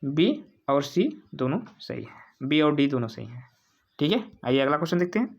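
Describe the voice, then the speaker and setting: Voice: medium pitch, lively intonation, moderate pace, muffled recording. A teacher walking through exam spelling questions, asking the viewers and then answering, repeating each word several times. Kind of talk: exam-prep quiz walkthrough.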